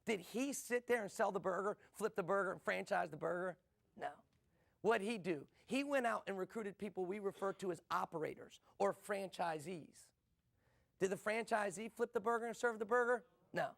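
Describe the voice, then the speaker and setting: High gravelly-voiced motivational speaker man. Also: fairly bright tone. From USA. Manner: rhetorical questions and quick punchy repetition. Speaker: business speaker. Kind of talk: motivational seminar talk.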